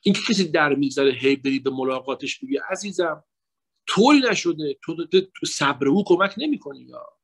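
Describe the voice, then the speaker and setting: A man giving a religious lecture that blends psychology with sermon, swinging between raised emphatic phrases and hushed asides in a lively, emotional address to the audience. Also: mid-range voice, breathy edge. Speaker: guest lecturer at a religious mourning night.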